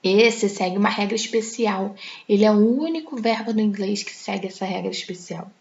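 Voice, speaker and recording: A woman with a Brazilian Portuguese accent teaching an English grammar lesson, slowing right down to say each English example sentence. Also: medium pitch, vocal fry, darkish tone. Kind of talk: video lesson explaining grammar. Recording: echoey room, slightly dull sound.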